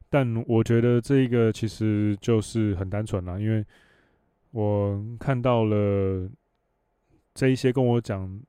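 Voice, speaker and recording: A man's voice: fairly low pitch, steady tone, takes it slowly, pauses often, mellow, clear, resonant tone, dry recording. A man in his thirties with a Taiwanese Mandarin accent, hosting a solo podcast and telling rambling stories in a blunt, cursing way. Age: 30s. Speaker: podcast host. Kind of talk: casual solo podcast storytelling.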